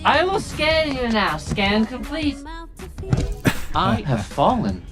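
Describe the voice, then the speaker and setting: A man voicing a large, soft male healthcare robot in an animated film, speaking with a polite, even robot voice that is slow, literal and matter-of-fact. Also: very high-pitched, heavily acted. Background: film score music.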